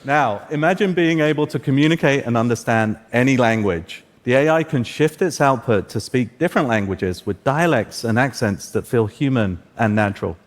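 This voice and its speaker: A man's voice: medium pitch, moderate pace, few pauses. A man whose first language is Persian, presenting a keynote demo in an upbeat, scripted way with light jokes. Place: large conference hall stage. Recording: long reverb of a large hall.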